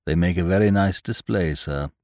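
A man voicing a quiet, deferential valet who speaks low and formally. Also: normal speed, no echo, clean studio sound.

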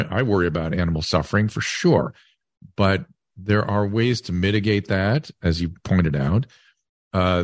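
A man hosting a casual interview, rambling and thinking aloud in a halting way. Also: deep voice, dry recording. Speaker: podcast host and interviewer.

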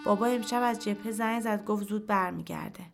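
A woman reading a short story aloud in first person, in a quiet, measured storytelling voice. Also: medium pitch, gravelly, soft background music. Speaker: narrator. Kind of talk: scripted narration of a short story.

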